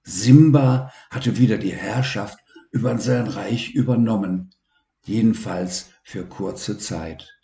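A man calmly reading a children's story aloud as narrator. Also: lowish voice, vocal fry, reverberant. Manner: slow, calm and deliberate.

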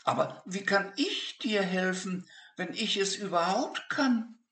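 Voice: mid-range voice, lively intonation, slow pace, a bit bright, voice pushed up. A reader voicing a shy, wondering young boy who stammers and hesitates, in a storybook read-aloud. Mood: sympathetic. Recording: echoey room.

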